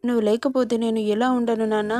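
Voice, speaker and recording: A woman reads the part of a timid young woman who pleads fearfully. The voice is slightly high and mellow, recorded dry and close. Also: little pitch movement, fast, no room sound, close to an everyday voice.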